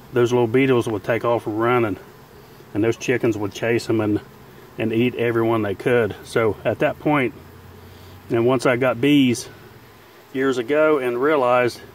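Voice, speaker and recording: Out in a chicken pen, this beekeeper narrates his video casually, unhurried and folksy in grammar, his plain talk accompanied by faint outdoor bee buzzing. His mid-range voice holds fairly even intonation over slight background noise.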